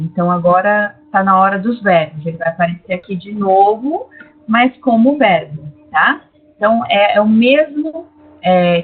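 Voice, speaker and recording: A woman with a Brazilian Portuguese accent explaining Greek grammar in an online lecture, often checking in with "tá?". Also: medium pitch. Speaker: Greek teacher. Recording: tinny lo-fi online class audio.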